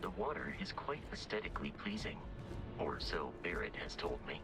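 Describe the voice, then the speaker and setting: An actor playing a too-smooth, analytical male android in a video game, speaking in a precise, evenly polished and detached way. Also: sits low, sing-song, normal speed, music in the background, poor audio. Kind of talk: voiced game character.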